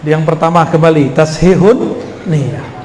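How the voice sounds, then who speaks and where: Higher-voiced man preaching in an echoey hall. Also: measured pace, darkish tone. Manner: conversational, quizzes the audience. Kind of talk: Islamic study talk. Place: hall with a live audience. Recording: echoey hall with faint noise.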